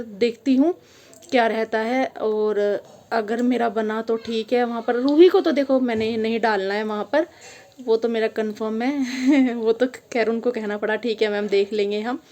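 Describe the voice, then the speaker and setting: Chatty young woman vlogger, fairly high voice. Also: darkish tone. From Haryana. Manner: chatty, addresses viewers as guys. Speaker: vlogger, mother. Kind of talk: casual vlog chat to camera.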